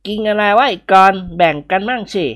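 A reader voicing a joking, boastful rich young man in rough, blustering banter in an audiobook. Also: medium pitch, brisk, a bit bright, voice pushed up, lightly acted.

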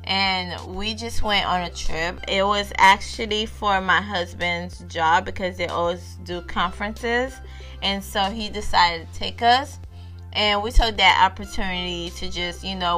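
A woman's voice: fairly low pitch, sharp tone. A woman in her thirties, a mother hosting a parenting vlog, telling family stories to viewers in a casual way and repeating her phrases.

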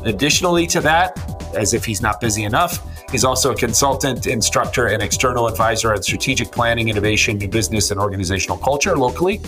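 Bright upbeat man hosting a podcast. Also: medium pitch, expressive, quick pace, faint music behind. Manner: upbeat, teasing, reads guest bio. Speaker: podcast host.

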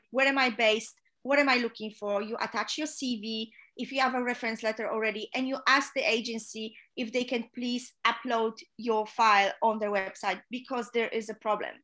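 A Polish woman, a chief stewardess being interviewed, delivers earnest, no-nonsense career advice in non-native, Polish-accented English with many filler sounds. Her voice is on the high side, with a sharp tone.

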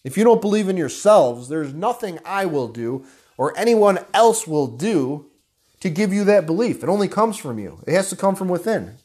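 A man's voice: high voice, sing-song, moderate pace, darkish tone, husky. Man, motivational speaker, raised voice, blunt and profane, intense rant to his audience. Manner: blunt, profane, repeatedly addressing listeners as guys; angry, intense delivery.

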